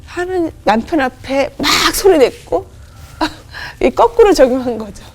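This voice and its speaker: A woman's voice: sits high, unhurried, slight background noise. A woman guest on a studio talk show, telling an emotional personal testimony and acting out the dialogue in it. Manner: animated, acts out remembered dialogue. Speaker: guest singer giving a testimony.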